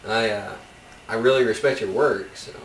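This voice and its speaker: A man's voice: lowish voice, fairly even intonation, normal speed. A man chatting casually about video games in a skit, griping in slangy, exasperated fashion. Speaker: guest gamer in a comedy review skit. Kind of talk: casual gamer chat in a skit. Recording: distant mic, echoey room, faint noise.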